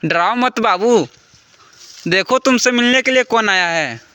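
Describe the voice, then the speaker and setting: A man's voice: high voice, lively intonation, a little slow, very noisy. A man vlogging a night ghost hunt in an abandoned hut, calling out nervously and pleading with an unseen spirit. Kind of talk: spooky exploration vlog narration.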